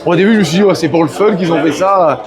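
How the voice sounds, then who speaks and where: A man vlogging at a trade fair, enthusiastic and quick to laugh. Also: a little high, over music. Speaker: vlogger visiting a hunting fair. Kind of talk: casual vlog chat. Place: busy hunting trade fair. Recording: loud crowd noise behind. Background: crowd chatter.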